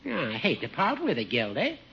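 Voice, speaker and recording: On a dull old radio broadcast, a teasing, crafty old American judge. The thin, high voice is husky and sharp, full of sly mock reluctance. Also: male voice, huge pitch swings, brisk, heavily acted. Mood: sly glee. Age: older. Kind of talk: 1950s radio comedy acting.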